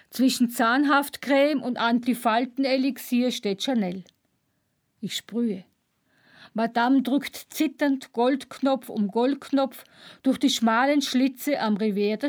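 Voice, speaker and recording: A woman reading a first-person literary narration in clipped, measured fragments. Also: on the high side. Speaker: reader.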